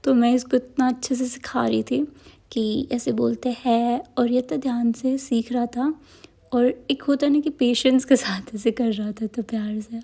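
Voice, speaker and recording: A young woman talks through her day for her vlog in a loose, chatty way. She rambles and keeps circling back with filler words. Her voice sits a little high. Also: steady tone, normal speed, vocal fry, warm tone. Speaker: vlogger. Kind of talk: casual vlog narration.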